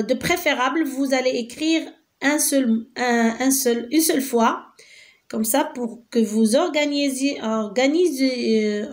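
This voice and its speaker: Woman, school teacher, high voice, unhurried, gentle, repeats words clearly. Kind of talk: slow, patient classroom lesson.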